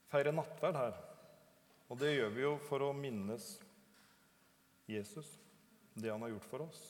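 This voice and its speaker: A man giving an informal, hesitant church talk, with many fillers and restarts. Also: mid-range voice. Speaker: lay preacher. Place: church hall. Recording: long hall reverb.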